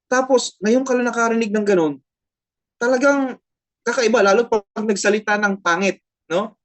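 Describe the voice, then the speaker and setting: A woman's voice: a little high, moderate pace. A woman pastor with a Filipino accent, preaching a sermon, switching between Tagalog and English, repeating phrases and asking the congregation frequent tag questions.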